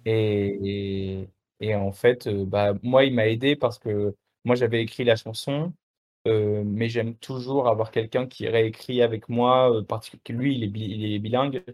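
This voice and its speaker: Laid-back young man with a lowish voice. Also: a little slow. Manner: relaxed, many fillers and restarts, slangy. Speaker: musician guest. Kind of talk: casual interview chat.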